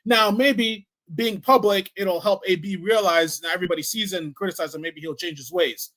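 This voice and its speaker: Male co-host, high bright voice, relaxed casual chat. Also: fairly quick. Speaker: podcast co-host. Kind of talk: casual boxing talk.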